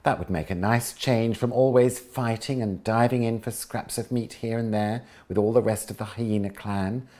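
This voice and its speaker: A man reads aloud from a storybook as a scheming lady hyena brimming with excited plans, bossy and coaxing by turns. Her voice is mellow and low-set with a quick, eager lift, close to an everyday voice, and she puts on posh airs when playing the grand lady.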